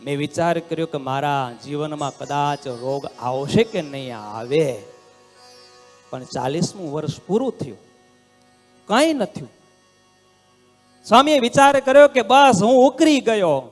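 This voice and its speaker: A swami telling a devotional story as a sermon, dramatic and swinging between loud exclamations and hushed lines. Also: male voice, on the high side, expressive, unhurried, pauses often. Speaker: swami giving a religious discourse. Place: devotional hall. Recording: long hall reverb with faint instrumental music.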